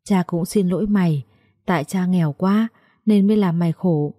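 A woman voicing a poor, gentle old father who speaks tenderly in a husky, tearful voice. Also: lowish voice, moderate pace, no room sound, studio quality, lightly acted.

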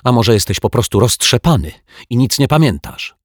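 A man's voice: sits low, big pitch swings, measured pace, darkish tone, slightly rough, dry recording, studio quality, full character voice. A man voicing a quarrelsome little girl who squabbles with her brother in a raised voice. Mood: indignant.

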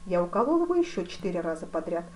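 A woman reading a classic adventure novel aloud in a measured, even storytelling voice. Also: lowish voice, poor audio. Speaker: audiobook reader. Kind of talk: first-person literary narration.

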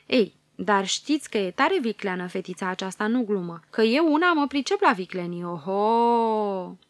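A woman voicing a sly, scheming female fox fairy in a storybook reading, speaking with feigned indignation and slow, drawn-out phrases. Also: mid-range voice, lively intonation, no room sound, lightly acted. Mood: smug.

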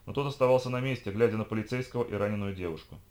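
A man's voice: lowish voice, very fast, a little mellow. A man narrating an audiobook with a dramatic reading of action scenes. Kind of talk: scripted narration.

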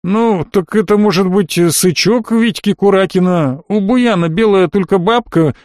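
A folksy, sly provincial cabbie, all rustic turns of phrase and eager-to-please fawning, put on by a male narrator. The voice sits noticeably high and a little loud. It is recorded dry and close, with no room around it. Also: a little slow, no room sound. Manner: rustic folksy speech, obsequious. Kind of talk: audiobook character voice.

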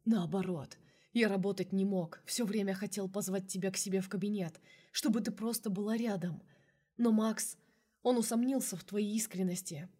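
Woman reading a young man's lines, tender, remorseful, soft, earnest, audiobook, mid-pitched. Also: steady tone, normal speed, natural voice.

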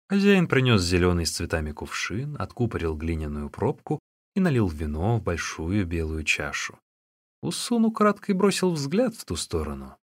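A man reads an old adventure novel aloud with expressive storytelling. His voice sits low but moves through a lively pitch range. The sound is dry and close. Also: no echo. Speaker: narrator. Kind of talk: audiobook narration of a classic novel.

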